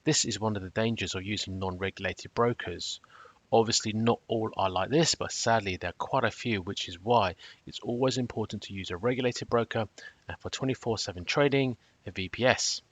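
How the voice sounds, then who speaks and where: A man narrating a scripted review in a measured, matter-of-fact, cautionary way. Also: fairly low pitch, no room sound. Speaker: trading robot reviewer.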